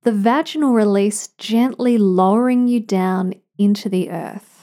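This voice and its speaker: A woman teaching yoga, giving soothing, measured instructions in phrases timed to the breath. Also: mid-range voice, warm tone. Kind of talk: guided yoga class instruction.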